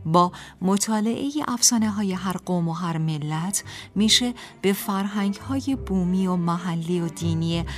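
A woman narrating a folk tale for a radio program, in a lively storyteller's manner. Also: lowish voice, faint music behind.

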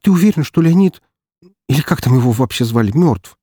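A man's voice: medium pitch, animated, a little fast, dark tone, husky, no room sound, studio quality, voice pushed up. A man voicing an emotional young woman lawyer in an audiobook, speaking in a raised, agitated voice. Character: sharp young female defense lawyer, emotional.

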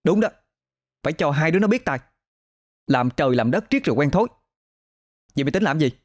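A man voicing a fiery, outspoken young woman, who scolds loudly and swears in outrage. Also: fairly high pitch, expressive, fairly quick, voice pushed up. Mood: furious.

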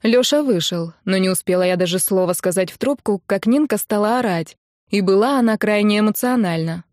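A woman narrating a first-person novel in an even storytelling delivery as an audiobook narrator. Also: medium pitch, fairly quick, no room sound, clean studio sound.

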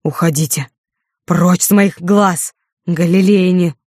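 An enraged old father who hurls curses in grief, as a woman narrator puts him on. The voice is low and dark, pushed up in anger, with a dry, close sound. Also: steady tone, takes it slowly, no room sound. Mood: furious. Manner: shouting in anger.

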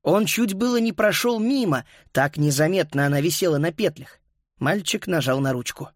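A man narrating a children's story as an audiobook, lively and voicing each child. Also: fairly high pitch, normal speed, no echo, studio quality.

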